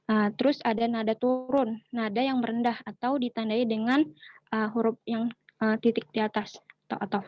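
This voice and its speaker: A woman explaining a linguistics lesson, pausing often on fillers as she talks. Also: fairly high pitch, dry recording, lo-fi sound. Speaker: student presenter.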